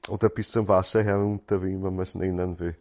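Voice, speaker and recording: A man's voice: sits low, flat delivery, fast, darkish tone. A man gives a spiritual lecture in a thoughtful, searching way, often repeating words as he goes.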